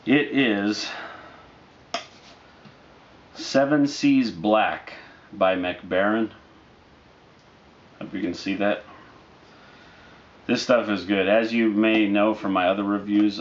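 A man in his thirties chatting casually to camera as a reviewer, in a laid-back, halting, unscripted way. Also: low-pitched, fairly even intonation. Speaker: product reviewer. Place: living room, indoors, on a couch. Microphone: camera mic a short distance away. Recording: dull lo-fi audio with noticeable background noise.

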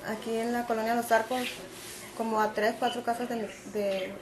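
A woman's voice: a little high, crowd noise, poor audio. A young woman, giving a hesitant account of her arrest and often repeating words. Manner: halting, flat, repeats words. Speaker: interviewee, detained woman. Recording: background noise.

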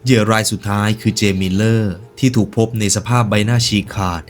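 A YouTube reaction host comments casually in slangy speech, tossing in joking asides between stretches of narration. His voice is on the low side with fairly even intonation and a quick pace, over soft background music.

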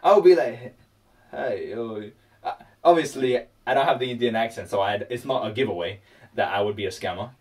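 A man's voice: mid-range voice, fast, darkish tone, far from the mic. A man vlogging casually while he paints, rambling and talking to himself.

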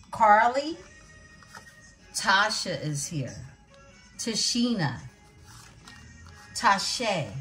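A woman giving a tarot reading, calling out names and signs in an unhurried way and calling her viewers beautiful ones. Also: mid-range voice, pushed and bright. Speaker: tarot reader.

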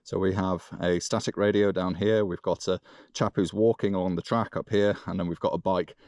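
Low-voiced man demonstrating tech outdoors. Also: fairly even intonation, brisk, darkish tone, no room sound, clean studio sound. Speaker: product demonstrator. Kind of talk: live spoken tech demo. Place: outdoors on a woodland bike trail. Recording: outdoor noise, clicks.

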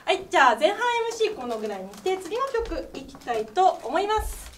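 A high, bouncy young woman's voice that swings up and down, chatting and giggling between songs as an idol singer. She sounds set back from the mic in a small live room with a faint hum of ambience. Her manner is chatty and bubbly. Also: very animated, a little fast, recorded from a distance. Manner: chatty, bubbly, laughs often. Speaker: idol singer doing stage talk. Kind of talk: live stage MC chat. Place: small live studio stage.

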